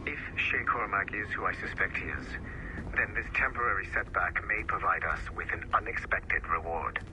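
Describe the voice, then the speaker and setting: A man's voice: sits low, normal speed, background noise, lightly acted. A man playing a cold, formal, menacing security chief in a video game. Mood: commanding. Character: cold, commanding male corporate security chief.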